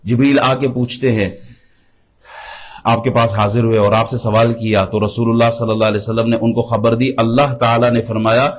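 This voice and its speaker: A man's voice: mid-range voice, flat delivery. Impassioned male preacher. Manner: impassioned, slows and rises on key lines. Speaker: religious preacher. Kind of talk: sermon.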